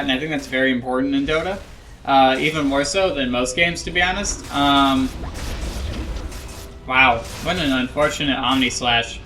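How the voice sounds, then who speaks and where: Commenting on footage of his own match, a young gameplay analyst speaks in a medium-pitched voice that sounds pushed and bright. He rambles casually and criticizes himself, filling his talk with ums and likes while sounding sleepy and yawning.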